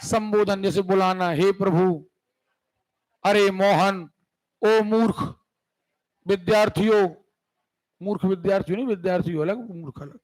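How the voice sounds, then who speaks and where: A man's voice: high voice, fairly even intonation, unhurried, pauses often, a little mellow, low-quality recording. A man teaching a Hindi grammar lesson for exam preparation, with a Madhya Pradesh Hindi accent, casual and joking, who keeps asking his students whether they have understood. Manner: asks students frequent check questions.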